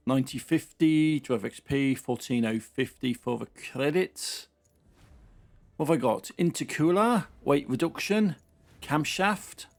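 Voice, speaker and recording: A man talks his way through a racing game in a casual, muttering running commentary. His voice sits at a middle pitch for a man. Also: darkish tone. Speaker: gaming channel host.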